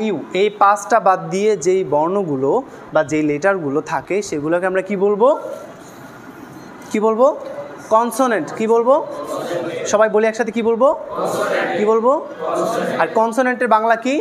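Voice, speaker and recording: A young man, an English teacher, runs a beginner class in a classroom, quizzing students with repeated questions. His voice sits high, and the background is noisy.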